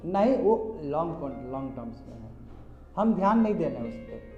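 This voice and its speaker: This male teacher speaks a little fast in a fairly high, sing-song voice with a darkish tone, chatting with the class, addressing students by name and using English terms. The classroom sounds echoey and somewhat dull, with faint background music.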